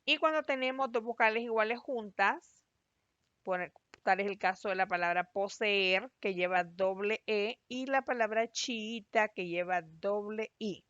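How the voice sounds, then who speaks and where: A woman teacher giving a recorded class, explaining patiently and spelling out syllables slowly. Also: mid-range voice, fairly bright tone, no echo. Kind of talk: recorded online class lesson. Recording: dry, slightly dull lo-fi voice-over.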